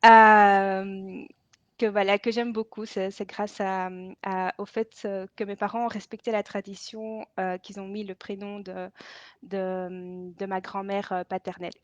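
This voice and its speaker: A Belgian laughter yoga host speaks on a casual live stream in a mid-range, flat voice, a little slow, with a dry recording. She is hesitant, full of fillers and restarts, and laughs often. Her added microphone yields dull, lo-fi stream audio.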